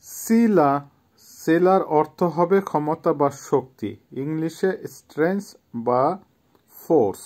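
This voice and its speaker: Man, 50s, from Bangladesh, slightly high voice, slow and patient, repeats every word like a teacher. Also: expressive, a little mellow. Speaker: language teacher. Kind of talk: vocabulary lesson.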